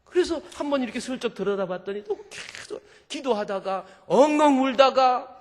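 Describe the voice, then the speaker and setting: Male pastor, high voice, lively sermon storytelling, long church reverb. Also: normal speed, slight background noise. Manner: lively, retelling a story with acted quotes.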